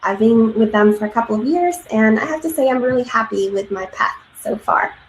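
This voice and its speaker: A woman in her thirties who grew up in Peru gives a conference presentation in a high-leaning, animated voice at a fairly quick pace. She's earnest and fills her talk with ums and uhs, and the recording carries a roomy echo plus faint noise.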